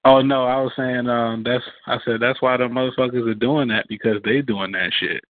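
A man's voice: medium pitch, steady tone, normal speed, no room sound. A male caller talking bluntly with his phone held away from his mouth, so he sounds distant and faint. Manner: blunt, profane. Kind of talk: casual call-in chat. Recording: tinny dry phone line, far from mic.

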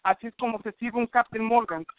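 A man's voice: very high-pitched, brisk, dry recording. A man from Northern California spitting boastful, aggressive insult rhymes in a rap battle over the phone. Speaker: battle rapper. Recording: tinny dry phone line.

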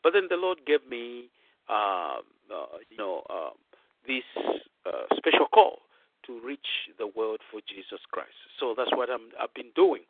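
A man's voice: medium pitch, sing-song, unhurried, a little hiss or hum. A middle-aged Zambian-born man, a pastor hosting a radio broadcast, talks casually with many fillers and emphatic rises. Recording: tinny phone-line radio broadcast.

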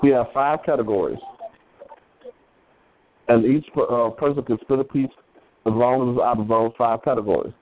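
A man hosts a podcast in loose, slangy conversation. His voice is mid-pitched and comes across thin and band-limited, like a phone line. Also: fairly even intonation, moderate pace, pauses often, no echo. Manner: easygoing, slangy. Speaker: podcast host. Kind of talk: casual chat. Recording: tinny phone-like sound.

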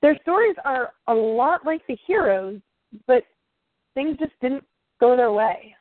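A woman's voice: high voice, animated, unhurried. A woman voicing a flustered young writer who speaks hesitantly and with sarcasm. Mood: uneasy. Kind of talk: audio drama acting. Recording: dry tinny phone-like sound.

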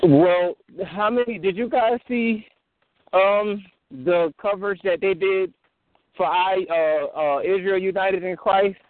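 Halting man on a tinny phone line. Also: high-pitched. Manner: halting, many fillers and restarts. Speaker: host of a call-in fellowship discussion. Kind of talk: casual phone discussion.

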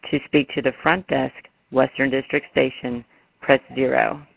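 A man delivers a recorded phone menu in a formal, measured recitation. His pitch stays level and his voice has a frying creak. It comes through a thin, telephone-quality line. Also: level tone. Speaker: automated phone menu announcer. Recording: tinny, narrow phone line.

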